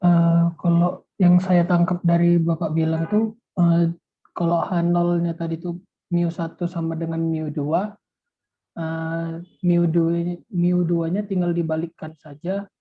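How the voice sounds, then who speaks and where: A phone-like recording of a young adult student answering a lecturer. The delivery is flat and hesitant, with a deferential manner. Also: medium pitch, measured pace. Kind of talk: answering a question in class. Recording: narrow phone-like call audio.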